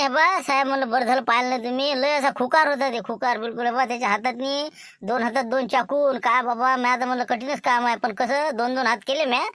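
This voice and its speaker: In a village comedy sketch, a man with a Varhadi Marathi accent plays a sly, scheming undercover servant who wheedles and sprinkles his talk with little fillers. His voice is very high-pitched and a bit bright. The recording is clean studio sound with no echo.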